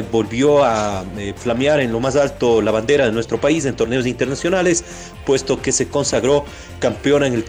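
A man with an Ecuadorian accent giving a halting live sports report on the radio, often hesitating. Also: mid-range voice, darkish tone.

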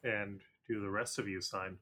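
A man narrating as game master of a tabletop game, speaking in a relaxed way with frequent fillers. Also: fairly low pitch, normal speed, a little hiss or hum.

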